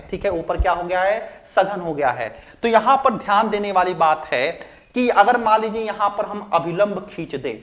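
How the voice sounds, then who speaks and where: High-voiced male physics teacher lecturing. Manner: asks rhetorical questions and answers them, repeats key phrases. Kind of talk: recorded classroom lecture.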